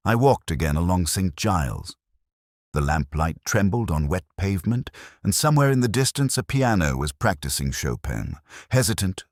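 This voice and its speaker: A man acts out a weary police inspector with an extremely low, expressive voice. He narrates a detective audio drama in measured, literary phrases, wry and melancholy. The sound is close and dry, with very little room on it. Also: no echo, full character voice. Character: weary, reflective male police inspector narrating his case.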